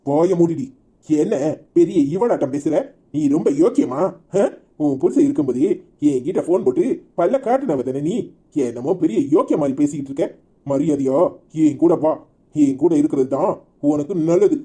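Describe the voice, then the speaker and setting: A voice actor playing a scheming married man in a cartoon, with a Tirunelveli Tamil accent and a husky, coaxing then bullying manner. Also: medium pitch, expressive, moderate pace, warm tone. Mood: menacing. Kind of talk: cartoon voice acting.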